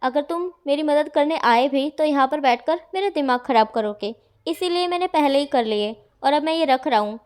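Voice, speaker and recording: A woman reading out a stern, composed young man in a storybook reading, firm and scolding. The voice is high. Plain, everyday delivery. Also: normal speed, few pauses, natural voice. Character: calm, stern young male student.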